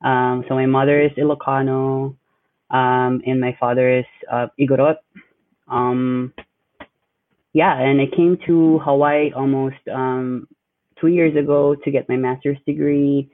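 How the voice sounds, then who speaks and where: A man's voice: medium pitch, little pitch movement, unhurried, no echo. A young man from the Philippines, a graduate student, answering interview questions hesitantly with many fillers. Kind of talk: casual interview. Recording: dry tinny phone-like line.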